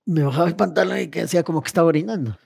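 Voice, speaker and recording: A man's voice: a little high, very fast, creaky, slightly rough. A middle-aged man, animatedly telling stories from his school days in casual chat and acting out the scenes. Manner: animated, acts out scenes with shouts, laughter and mimicked voices.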